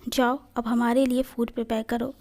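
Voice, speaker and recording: A cruel, possessive young man who barks orders, read aloud by a woman. The voice sits fairly high but stays dark and mellow, and every line comes out as a command. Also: little pitch movement, normal speed, lightly acted. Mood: cold. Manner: harsh and commanding.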